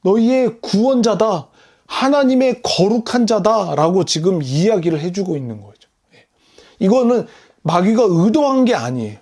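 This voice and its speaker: A man's voice: high-pitched, sing-song, normal speed, a little mellow, slightly rough. A male pastor preaching a sermon, explaining scripture verse by verse and putting rhetorical questions to his listeners. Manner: leads the congregation in reading scripture aloud.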